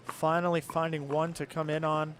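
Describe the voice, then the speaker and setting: A man's voice: a little high, flat delivery, moderate pace, slight background noise. A man giving live play-by-play commentary as a pickleball commentator.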